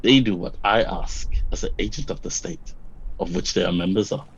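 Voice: low voice, normal speed, slightly rough, muffled recording. An actor playing a pompous, domineering self-styled agent of the state who barks orders. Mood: condescending. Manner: barking, domineering. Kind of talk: comedy audio drama.

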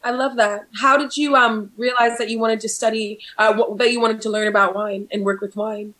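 A woman's voice: fairly high pitch, fairly even intonation, brisk, fairly bright tone. A woman hosting a casual interview, encouraging her guest with short enthusiastic reactions. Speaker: interviewer, host.

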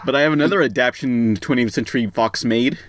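A man's voice: medium pitch, quick pace, crowd noise. A man co-hosting a podcast, chatting casually and jokingly about movies. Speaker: podcast co-host. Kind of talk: casual comic movie chat.

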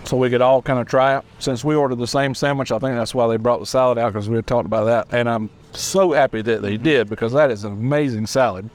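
Male guest, casual chat, enthusiastic about food, outdoor patio, mid pitch. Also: quick pace, hardly any pauses, a little hiss or hum. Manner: relaxed, explains food with enthusiasm. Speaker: chiropractor guest.

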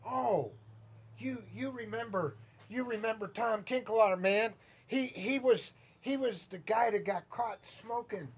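A Chicago man with a Chicago accent preaches a sermon as pastor in a church sanctuary, his voice high, a little slow and edged with breath. He keeps it conversational and teasing, putting questions to the congregation.

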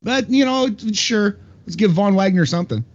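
A man's voice: high-pitched, lively intonation, moderate pace, muffled recording. A man co-hosting a casual wrestling podcast, talking in an easygoing, rambling way. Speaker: podcast co-host. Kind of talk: casual wrestling recap chat.

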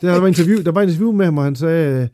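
A man's voice: on the high side, dark tone, dry recording, clean studio sound. A man co-hosting a film podcast in casual chat, opinionated and full of fillers and hesitations. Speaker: podcast co-host.

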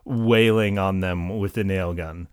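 A man with a low, smooth voice recaps plot points in a relaxed way. His sentences often sink and trail off. The sound is dry and close. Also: unhurried, no room sound. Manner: laid-back, recaps plot, trails off quietly. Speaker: podcast co-host. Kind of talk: casual film discussion.

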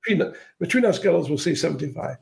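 A man's voice: on the high side, lively intonation, fast talker, gravelly. A man, hosting an informal interview in a conversational style. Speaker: interview show host.

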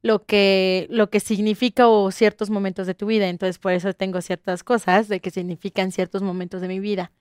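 A woman telling a lively personal story in casual chat, laughing and acting out quoted lines. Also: medium pitch, a little fast, hardly any pauses, clean tone, no room sound, studio quality. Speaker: guest.

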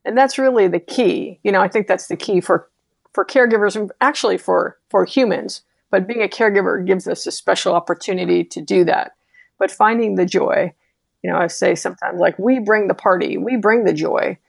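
A woman's voice: medium pitch, brisk, vocal fry, breathy edge, no echo, studio quality. A woman interviewer who speaks to caregivers in a reflective, affirming way. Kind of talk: encouraging interview talk.

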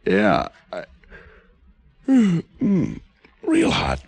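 A man's voice: fairly low pitch, wildly swooping pitch, drawn-out words, vocal fry, a little mellow, husky, dry recording, full character voice. An actor playing a wry, tough male private detective in an old radio drama, with dry wisecracks and hard-boiled narration. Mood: uneasy.

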